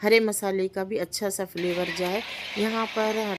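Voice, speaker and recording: A woman's voice: mid-range voice, fairly even intonation, measured pace. A woman with a Hyderabadi accent chatting casually through a home cooking vlog, explaining each step and repeating words as she goes. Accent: Hyderabadi Hindi-Urdu. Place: home kitchen. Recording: kitchen noise behind. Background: frying and sizzling.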